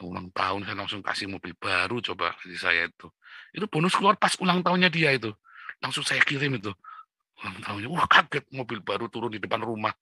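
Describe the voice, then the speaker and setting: A middle-aged man preaching a morning devotional, blunt and forceful, often asking his listeners "right?". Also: lowish voice, sing-song, fast, slightly rough, no room sound. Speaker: pastor.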